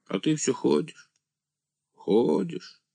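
A man voicing a simple-minded village man who calls himself an angel, speaking in a naive, drawn-out singsong. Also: a little high, lively intonation, gravelly, mellow, breathy edge, no room sound, voice pushed up, heavily acted. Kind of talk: audiobook character voice.

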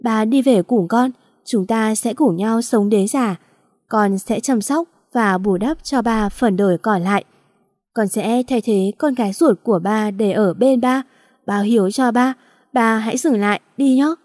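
A woman's voice: a little high, normal speed, dark tone, no room sound, clean studio sound, natural voice. A woman voicing a loving young adopted daughter who pleads tearfully with her father. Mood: pleading, tearful.

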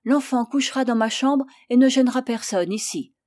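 An ailing old servant woman, humble and eager to agree, as a woman reader voices her. The tone is mellow and the recording dry. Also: a little high, moderate pace, no echo, voice pushed up, natural voice. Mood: deferential. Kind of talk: audiobook character voice.

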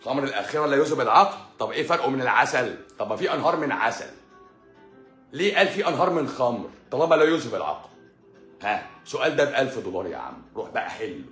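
Fast-talking Egyptian man scolding viewers. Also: medium pitch, lively intonation, fairly bright tone. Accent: Egyptian Arabic. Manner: sarcastic, scolding, repeats phrases for emphasis. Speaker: doctor answering viewer comments on a live stream. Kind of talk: live-stream monologue. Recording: echoey room with faint music.

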